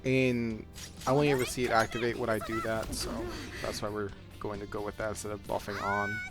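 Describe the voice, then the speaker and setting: A man's voice: fairly low pitch, level tone, fairly quick. Rambling man commentating over game music and mouse clicks. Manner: rambling, self-deprecating. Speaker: gaming video creator. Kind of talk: casual gameplay commentary.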